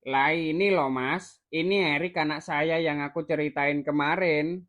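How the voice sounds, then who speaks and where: A tired, disappointed old village father, as voiced by a woman scolds in a gruff, lowered voice. He is exasperated and reproachful in this cartoon, with music playing clearly underneath. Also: fairly even intonation, unhurried. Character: weary disappointed village father, older man. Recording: clear music bed behind voice.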